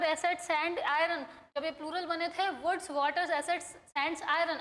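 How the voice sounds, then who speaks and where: Woman teacher w hindi accent, drills words fast n coaxes the class, high voice, long echoey hall. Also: fairly bright tone. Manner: brisk and coaxing, quizzes students, drills word lists. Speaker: English teacher. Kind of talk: classroom-style grammar lesson. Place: coaching institute in India.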